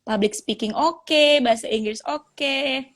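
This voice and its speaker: A woman's voice: sits high, takes it slowly. A young woman moderating a casual podcast chat, laughing often and reading out viewer comments. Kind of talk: casual live-stream chat.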